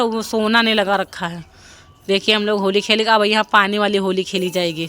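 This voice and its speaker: A woman's voice: mid-range voice, pushed and bright. A young woman narrating her home video in a chatty voice-over, often pleading with viewers to comment. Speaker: family vlogger.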